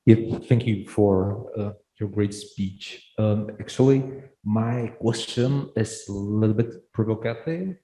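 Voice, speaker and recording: A man from the Republic, asking a question at a conference, halting and leaning on "like". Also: lowish voice, warm tone. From Czech Republic. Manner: halting, leans on filler "like". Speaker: audience member asking a question. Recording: roomy hall sound.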